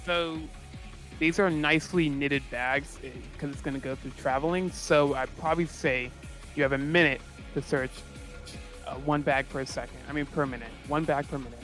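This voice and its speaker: A man's voice: a little high, normal speed, faint music behind. Man narrating as game master. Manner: relaxed, filler-heavy narration.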